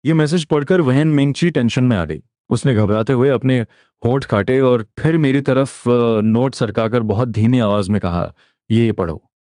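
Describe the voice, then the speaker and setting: Male recap narrator: casual storyteller, mid pitch, dry close mic. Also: moderate pace, darkish tone, no echo. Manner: casual storytelling that voices each character's lines in turn.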